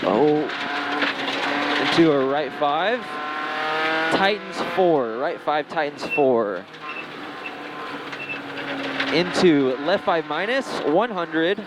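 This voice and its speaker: A man's voice: fairly high pitch, lively intonation, drawn-out words, long pauses. A man working as a rally co-driver, calling out pace notes in clipped, repeated strings of numbers and directions from inside a moving car. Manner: clipped, repetitive callouts with numbers. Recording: very loud race car engine noise. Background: engine roar, tire squeal, car noise.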